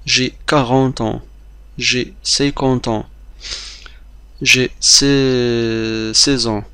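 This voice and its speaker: A man teaching a beginner language lesson, explaining briskly with some hesitations and repeating example phrases slowly like drills. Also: mid-range voice, flat delivery, pushed and bright, clear, resonant tone, dry recording.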